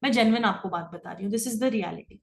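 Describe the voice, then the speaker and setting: A middle-aged woman teaching an online spiritual class, talking fast and often checking that her students follow. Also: medium pitch, creaky, echoey room, slight background noise. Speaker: Akashic records teacher. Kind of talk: online class lecture, Hindi-English mix.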